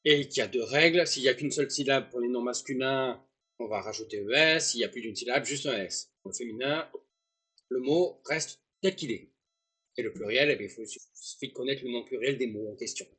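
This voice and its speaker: A man's voice: medium pitch, brisk, bright, forceful tone, breathy edge. A man giving a casual, joking online lesson, with rambling asides to his viewers. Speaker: German teacher.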